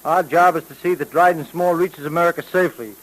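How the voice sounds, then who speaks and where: A man playing a breezy, excitable sidekick cop on old-time radio. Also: fairly high pitch, fast talker, lightly acted, poor audio. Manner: chatty, excitable, slangy. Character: breezy, eager young male sidekick cop. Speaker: police partner of the detective. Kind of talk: 1940s radio drama acting.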